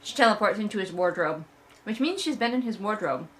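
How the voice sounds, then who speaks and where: This read-along host has a mid-range, a bit bright voice with lively intonation and a brisk pace. Her commentary is casual and comic, sarcastic, emphatic and exasperated, delivered in a chatty, sweary style.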